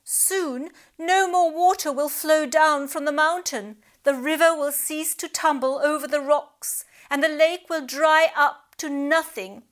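A woman's voice: sits high, expressive, unhurried, a bit bright, voice pushed up. A woman voicing an old, scheming male pelican who speaks solemnly and grandly. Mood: dire.

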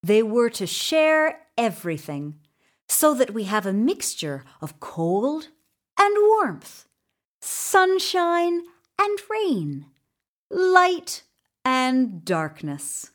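Reading a children's story aloud from the page, this female storyteller sounds high-pitched and lively. Her delivery is expressive and unhurried, with drawn-out dramatic pauses meant for small listeners.

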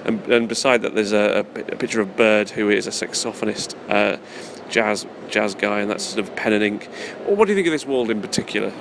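British male interview guest, lowish and gravelly, colloquial and enthusiastic, casual delivery on location. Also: brisk. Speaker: festival organiser, interview guest. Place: busy public exhibition space in city centre. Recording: noisy public space, urban background din. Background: people and urban ambience.

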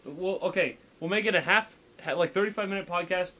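A man's voice: high voice, a little fast, sharp tone, poor audio. Young guy rambling on a casual podcast. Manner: rambling, stammering, reads posts aloud. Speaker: podcast host. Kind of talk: casual chat.

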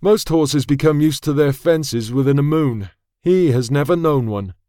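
Saya: a man doing a high, strained young prince. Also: measured pace, dark tone, dry recording, studio quality, close to an everyday voice. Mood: doubting. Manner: sharply raised pitch, strained timbre. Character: high-voiced young prince, doubting and cautious.

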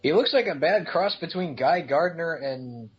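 A man casually riffing on a movie, dropping dry, quick wisecracks. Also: a little high, animated, highs cut off. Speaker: riffing commentator.

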